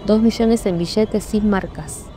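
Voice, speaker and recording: A woman's voice: sits low, normal speed, vocal fry, mellow, soft background music. A woman voicing a panicked rich man who stammers and pleads for his life in a nasal whimper. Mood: begging.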